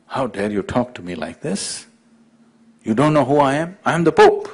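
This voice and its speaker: A man doing a pope, indignant, pompous, raised shrill pitch, insistent. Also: sing-song, normal speed. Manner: outraged, insistent, high-pitched protests. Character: indignant pompous male pope at heaven's gate.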